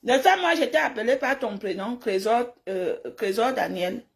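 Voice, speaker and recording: This village-raised woman from francophone Africa speaks at a moderate pace in a slightly high voice with lively intonation. On her casual live stream she answers viewers' comments bluntly and scoldingly, with strong emphasis and plenty of repetition.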